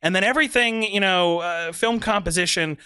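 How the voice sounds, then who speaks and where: A man's voice: sits high, fairly quick, bright, forceful tone, clean tone. A man co-hosting a movie podcast, casually and eagerly rating a film in short bursts of praise. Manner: enthusiastic, gives verdicts in short bursts. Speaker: podcast co-host. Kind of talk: casual movie review chat.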